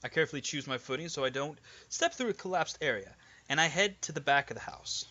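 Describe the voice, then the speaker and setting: Guy reading a game story aloud, bright edgy voice, trips over words sometimes, muffled lo-fi mic. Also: fairly high pitch, animated, fast talker. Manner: stumbles over words and teases his co-reader. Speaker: co-host reading a visual novel aloud. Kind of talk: casual read-along with banter.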